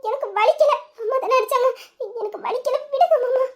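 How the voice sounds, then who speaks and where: A performer voicing a small hurt girl who pleads softly in a family drama. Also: very high-pitched, a little fast. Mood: pleading.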